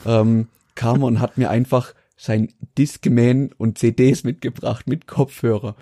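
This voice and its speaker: Male co-host, 30s, mellow tone, anecdotal and chatty. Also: mid-range voice, steady tone, unhurried, no room sound, studio quality. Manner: rambling anecdotal storyteller, laughs often. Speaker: podcast co-host. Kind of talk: casual chat.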